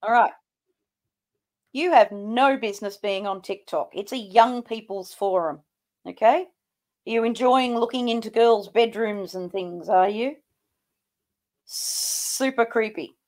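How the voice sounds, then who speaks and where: A woman's voice: a little high, slow, long pauses. A woman giving sarcastic reaction commentary, with a mocking, scolding way of talking. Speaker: host of a reaction show.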